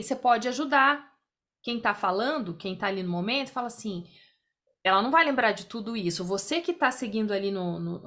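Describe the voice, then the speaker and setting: A woman's voice: fairly high pitch, pushed and bright. A woman leads an online group exercise over a video call. She explains each step in turn and keeps checking that everyone follows. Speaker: workshop facilitator.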